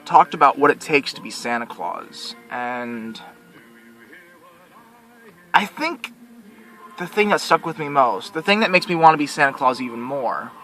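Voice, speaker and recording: A young man speaks straight to his camera in a casual vlog. He sounds heartfelt and earnest, often restarting his sentences as he goes. His voice sits at a middling pitch for a man. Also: expressive, a little slow, long pauses, bright, forceful tone, soft background music, rough recording. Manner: emotional, sincere, rambling with restarts. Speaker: vlogger who works as a mall Santa.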